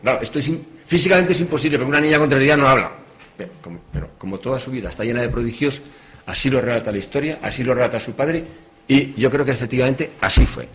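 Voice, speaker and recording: A man giving a talk in a hotel meeting room, telling stories with lively swings between loud stress and quiet asides. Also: medium pitch, fast. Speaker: speaker at a religious talk. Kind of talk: storytelling talk.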